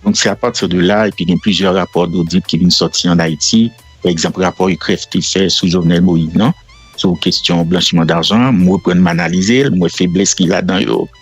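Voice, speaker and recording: Middle-aged Haitian man, deep husky voice, radio guest; steady explainer with faint music under. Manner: measured, explanatory, with frequent fillers. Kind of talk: casual radio interview.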